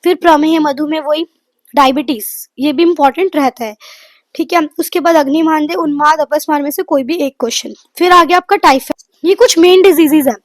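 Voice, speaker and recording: A woman giving a quick exam revision lecture, running through lists of topics and mixing in English terms. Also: high voice, dry recording. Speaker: exam prep tutor.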